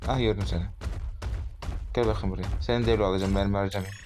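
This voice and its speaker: A young man in his twenties talks through a shooter match in a lowish voice, muttering plans to himself and then bursting into exasperated shouts at opponents. Gunshots, machine-gun fire and clicks from the game are clearly heard behind him. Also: steady tone, quick pace, slight background noise. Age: 20s. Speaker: gaming youtuber. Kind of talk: live gameplay commentary. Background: gunshots and game sounds.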